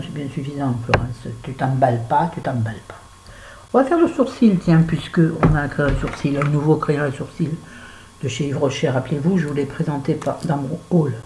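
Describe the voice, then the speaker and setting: A woman's voice: deep voice, dark tone, a little hiss or hum, poor audio. A French woman chatting casually through a make-up tutorial, talking to viewers and to herself as she works. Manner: chatty, talks to herself while working. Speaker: beauty vlogger.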